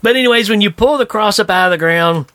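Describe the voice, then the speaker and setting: A man's voice: sits high, fast, no room sound. A man co-hosting a podcast, chatting casually and jokily about a bad movie, acting out scenes as he goes. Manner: jokey, animated, acts out scenes. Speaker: podcast co-host.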